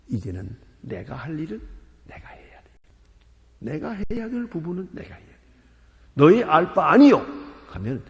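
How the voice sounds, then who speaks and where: Older male preacher, gravelly and expressive, acts out dialogue and asks rhetorical questions, heard in a reverberant sanctuary. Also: a little high. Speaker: pastor. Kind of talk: sermon.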